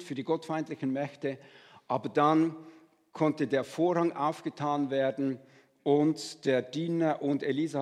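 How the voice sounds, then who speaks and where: A man's voice: on the high side, darkish tone, long reverb tail. A man preaching a sermon as pastor, speaking in an earnest, conversational way and addressing listeners directly.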